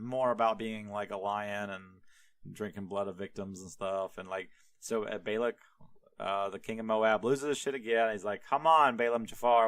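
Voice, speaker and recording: Smooth-voiced, rambling podcast host. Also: male voice, fairly low pitch, fairly bright tone, dry recording. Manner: rambling, filler-heavy, irreverent. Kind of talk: casual retelling of a Bible story.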